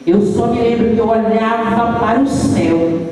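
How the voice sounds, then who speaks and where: A woman's voice: fairly high pitch, normal speed, mellow, slight background noise. A middle-aged Brazilian woman telling her life story as a church testimony, acting out the voices in her story. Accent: Brazilian Portuguese. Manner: emotional storytelling, acting out dialogue. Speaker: church speaker giving testimony. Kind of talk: testimony sermon. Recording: echoey hall, from far off.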